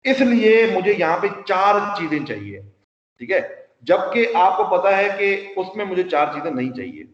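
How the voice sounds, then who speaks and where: A man's voice: high-pitched, very animated, moderate pace. A man teaching a lecture, explaining step by step with rhetorical questions and English technical terms. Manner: mixes English technical terms into his speech. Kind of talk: classroom lecture. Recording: roomy hall sound, dull lo-fi audio.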